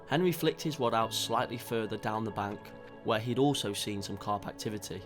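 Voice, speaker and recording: Guy, low voice, calm scripted voiceover, music going in the background. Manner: calm, measured storytelling. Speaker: fishing vlogger. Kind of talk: scripted voice-over narration.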